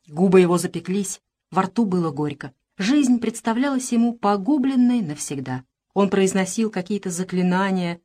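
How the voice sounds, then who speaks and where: A woman narrating a literary audiobook in an expressive, measured storytelling manner. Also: mid-range voice.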